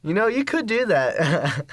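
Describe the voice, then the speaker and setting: A man's voice: sits high, very animated, slow pace, fairly bright tone, no echo, studio quality. A man of twenty-one, a college student and podcast guest, chatting casually and laughing often.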